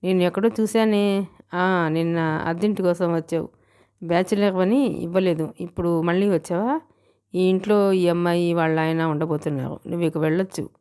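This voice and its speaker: A stern older landlord from an audiobook novel, voiced by a woman. He scolds and lectures gruffly. The voice sits a bit low. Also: fairly even intonation, moderate pace, darkish tone, natural voice. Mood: scolding.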